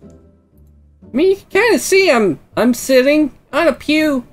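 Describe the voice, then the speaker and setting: A woman's voice: high voice, expressive, slow pace, faint music behind, pitched above the performer's own voice. A woman voicing an awkward, innocent, blunt hooded traveller in a visual novel. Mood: defensive.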